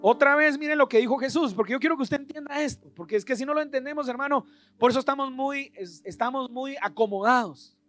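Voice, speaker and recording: A man's voice: extremely high pitch, fast, a bit bright, dry recording, faint music behind. A man preaching a Sunday sermon as pastor, urging his congregation to repeat after him. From Guatemala. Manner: preaching to a congregation, calling for repetition.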